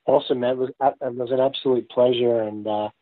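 A man being interviewed over a remote call, chatting casually and reflectively in a halting way with many filler phrases. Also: mid-range voice, fairly even intonation, dry recording, narrow, tinny audio. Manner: halting, repeats "you know". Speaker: interview guest, musician.

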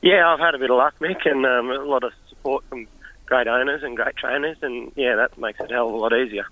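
A man's voice: mid-range voice, fairly quick, bright, forceful tone, no echo. A young Australian man, a harness racing driver, giving a casual interview in a modest, easygoing way. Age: young adult. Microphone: phone. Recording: muffled dry phone line.

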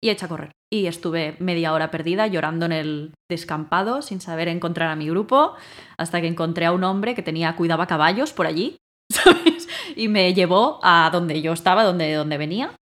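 A woman telling a story in casual conversation, acting out her own lines with bursts of loudness. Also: lowish voice, moderate pace. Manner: animated, acts out her own quotes loudly. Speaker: guest.

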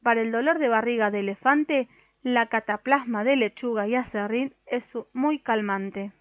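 A jumpy, easily scared storybook fireman who answers everything in little rhymes, as a woman reads him in her own fairly high voice, with a lilt. The sound is dry and a bit muffled. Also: normal speed, no echo, close to an everyday voice. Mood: placating. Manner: rhyming, fussy and easily scared. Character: flustered, timid male firefighter who talks in rhymes.

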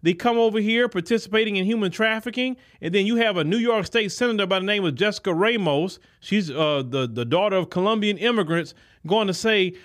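Man, high voice, indignant political commentary, emphatic, repetitive. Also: brisk, few pauses, fairly bright tone. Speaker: podcast host.

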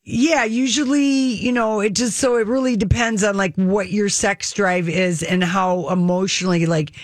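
A woman's voice: mid-range voice, steady tone, normal speed, dry recording. Woman host for casual relationship talk, frank and cheeky, mid-range voice, dry recording. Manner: candid, bawdy, joking. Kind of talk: casual relationship advice chat.

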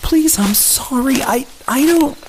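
A woman's voice: high voice, expressive, takes it slowly, noisy background. A woman voicing a cursed young man who is shaken, guilt-ridden and stammering.

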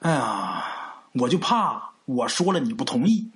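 A man's voice: mid-range voice, very animated, measured pace, a bit bright, pitched below the performer's own voice. A man voicing a brash, cocky young village man with a sly, taunting drawl.

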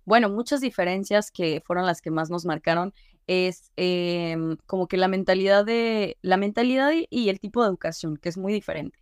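A young woman, a guest chatting in a relaxed way, full of fillers. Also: fairly low pitch, normal speed, smooth, dry recording, clean studio sound. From Mexico. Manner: relaxed, with many fillers like "eh" and "como que". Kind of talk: casual interview conversation.

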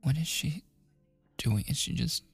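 This boyfriend ASMR roleplay has a man in full character voice as an infatuated, pushy young man, pitched on the high side and animated. Soft music plays in the background as he talks quietly and falteringly, at times in a breathy whisper meant to coax. The feel is hushed and urgent.

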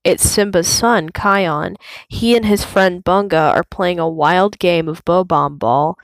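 A woman reading a children's storybook aloud, slow, clear and measured. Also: fairly low pitch, no room sound. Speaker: storybook reader.

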